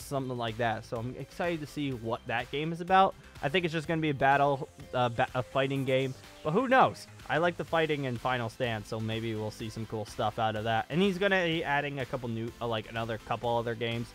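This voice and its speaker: A gaming YouTuber in his twenties gives a rambling, informal channel update from a small home studio lined with acoustic foam. His voice is medium in pitch and a bit bright. He uses a desk microphone on a boom arm, with clear background music playing.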